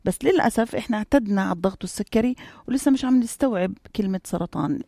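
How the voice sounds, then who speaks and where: A woman's voice: medium pitch, rapid-fire, gravelly, mellow, no echo, studio quality. A middle-aged woman, an interview guest earnestly and emphatically telling her personal story. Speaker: interview guest, cancer survivor.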